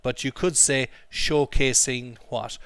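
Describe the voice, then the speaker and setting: A man's voice: mid-range voice, steady tone, slow, a bit bright, clean tone, no echo. Man teaching English, dry sound. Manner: drills pronunciation, repeating phrases for students. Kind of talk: classroom language lesson.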